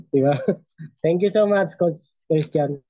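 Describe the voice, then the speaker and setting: Halting man on a dull, dry call. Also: on the high side, warm tone, no room sound. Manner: halting, hesitant, many fillers. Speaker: guest speaker in a team meeting. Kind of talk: casual testimonial on a video call.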